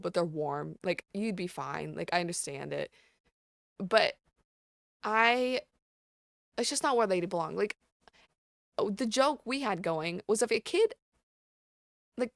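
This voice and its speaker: A woman's voice: medium pitch, dry recording, clean studio sound. A woman hosting her own show, telling stories in a casual, blunt, profane way. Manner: blunt, profane, animated storytelling. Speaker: podcast host. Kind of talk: casual storytelling monologue.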